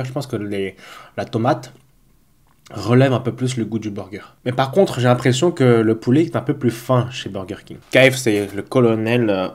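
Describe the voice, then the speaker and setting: A man's voice: lowish voice, darkish tone. Man with a congested, blocked nose. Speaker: host of a mukbang food review vlog. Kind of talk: casual vlog talk to camera. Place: at home.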